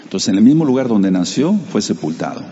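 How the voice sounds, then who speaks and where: Deep-voiced man preaching a sermon. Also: very animated, brisk, warm tone, big-room sound, highs cut off. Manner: reads scripture then explains it, addressing the congregation; uses Hebrew terms for sacred names. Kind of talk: sermon with Bible reading.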